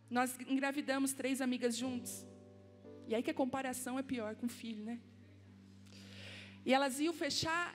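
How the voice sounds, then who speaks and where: A woman, preaching a sermon as personal stories full of asides to the audience. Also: high voice. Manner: storytelling, animated and personal, laughing asides to the audience. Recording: long hall reverb with soft music.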